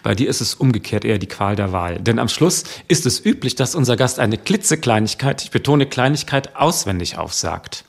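A man's voice: medium pitch, big pitch swings, a little fast, vocal fry, hardly any pauses. A man hosting a radio talk show, asking friendly, leading questions into a studio microphone. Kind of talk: radio interview.

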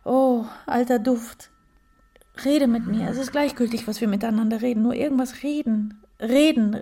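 A woman's voice: on the high side, brisk, dark tone, recorded from a distance. A woman in a dramatic reading, pleading in a breathless, urgent way.

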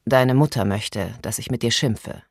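A woman voicing a mild, weary father in an audiobook, calm and resigned. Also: rumbling low, measured pace, dry recording, clean studio sound, heavily acted. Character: weary, mild, secretive middle-class father giving quiet advice. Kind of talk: audiobook character voice.

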